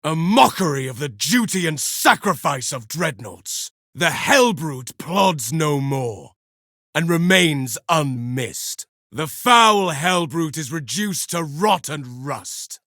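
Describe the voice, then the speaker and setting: An actor with a fairly high, expressive, sharp voice plays a grim, pious armored male super-soldier in video game combat lines. He slowly declaims solemn insults over slain foes with grim contempt, heavily acted. The audio is studio quality with no echo.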